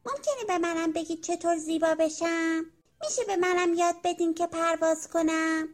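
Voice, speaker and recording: A woman's voice: extremely high pitch, fairly even intonation, pitched above the performer's own voice. A woman voicing a small, envious green worm in a children's storybook, in a sulky, pleading, tearful voice. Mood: eager, pleading. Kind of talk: storybook character voice.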